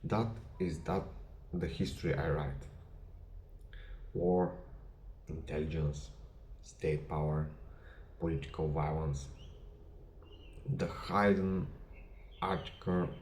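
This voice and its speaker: A low-voiced man with a Bulgarian accent, a non-native English speaker, addresses the camera about his history channel. He talks in measured, deliberate short phrases with small grammar slips, his mellow voice carrying a roomy echo. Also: steady tone, slight background noise.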